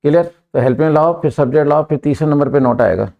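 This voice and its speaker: A man with an Indian accent teaching a live English class, drilling students and pushing them to answer quickly. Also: fairly high pitch, gravelly, muffled recording.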